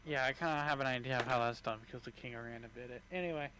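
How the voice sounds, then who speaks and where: A man's voice: medium pitch, rapid-fire, sharp tone, low-quality recording. A man hosting a casual group chat on a call, joking and teasing his friends. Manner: joking, teasing, playfully counting aloud. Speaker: host.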